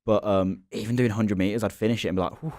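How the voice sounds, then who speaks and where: A man, co-hosting a casual chat podcast and telling animated stories. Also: on the low side, quick pace, dry recording, studio quality. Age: early 20s. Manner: animated storyteller, acts out voices in anecdotes. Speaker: podcast co-host.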